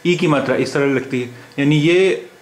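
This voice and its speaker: A man's voice: a little high, normal speed, reverberant, low-quality recording. A man teaching a language lesson, patiently spelling out letters and repeating their sounds. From India. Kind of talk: slow spoken lesson.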